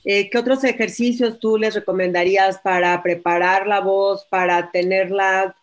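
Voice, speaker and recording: Woman, host, average pitch, casual chatty questions, live online interview. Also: fairly even intonation, normal speed.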